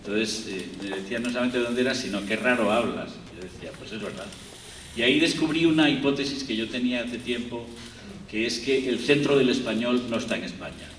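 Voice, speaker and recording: A guest lecturer from Spain, speaking with a Spanish accent, rambles through a university lecture with many fillers and restarts. His medium-pitched voice is a little fast and fairly bright in tone, captured from a distance in an echoey lecture hall with faint room noise.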